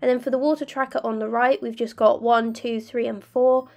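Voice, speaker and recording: A young woman with a slightly croaky voice from illness, calmly narrating her journaling step by step. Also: fairly high pitch, a little fast, faint music behind. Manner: calm, detailed step-by-step explaining. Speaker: bullet journal vlogger. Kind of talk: voice-over narration of crafting.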